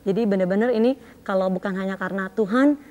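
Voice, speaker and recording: A woman's voice: medium pitch, quick pace, darkish tone. Woman giving a heartfelt church testimony. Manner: emotional, many fillers, shifts between Indonesian and English. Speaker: testifying church member, mother.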